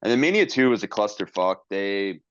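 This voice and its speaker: Brief: low, smooth-voiced male podcast host, loose and profane, muffled dry sound. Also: big pitch swings, a little fast, no echo. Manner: rambling, profane, with many fillers and restarts. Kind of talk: casual podcast chat.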